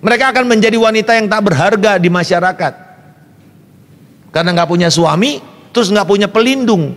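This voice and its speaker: A man preaching a sermon as pastor, animated, slipping in English phrases and acting out quotes. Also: sits high, brisk, big-room sound.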